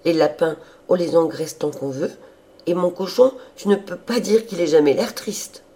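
Man doing a childlike young woman, bubbly, coaxing, high and lively, always hungry, mellow tone. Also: normal speed.

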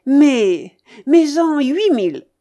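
Role: bossy elderly grandmother gambler in an audiobook, put on by a woman reader, high and loud, swinging in pitch. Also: very animated, a little slow. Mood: pleading, demanding. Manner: bossy, barking orders. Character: imperious old grandmother gambler, impatient and hot-tempered. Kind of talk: audiobook character voice.

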